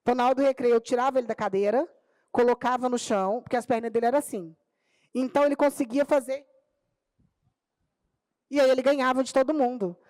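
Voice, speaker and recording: Animated high-voiced Brazilian woman teacher. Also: quick pace, long pauses, no echo, studio quality. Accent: Brazilian Portuguese, Minas Gerais. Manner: animated storyteller, acting out dialogue in her own telling. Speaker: teacher and pedagogue speaking on a panel. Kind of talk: storytelling talk at a public panel. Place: auditorium or conference room.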